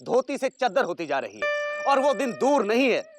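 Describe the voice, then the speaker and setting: An actor playing an overdramatic TV news reporter with a dramatic anchor delivery. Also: male voice, very high voice, big pitch swings, normal speed, music in the background.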